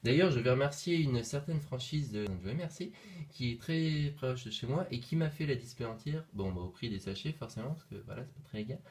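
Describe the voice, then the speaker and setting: A man's voice: medium pitch, lively intonation, brisk, darkish tone, slight background noise. A young man talking casually while unboxing toys on camera, playful and jokey, rambling with fillers and asides. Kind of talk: casual chat.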